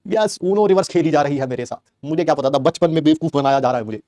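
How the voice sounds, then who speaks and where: Middle-aged male teacher telling stories in class, high-pitched and quick, joking, dry close sound. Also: no room sound. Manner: animated, joking, acts out family quotes. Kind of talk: storytelling aside in a class lecture.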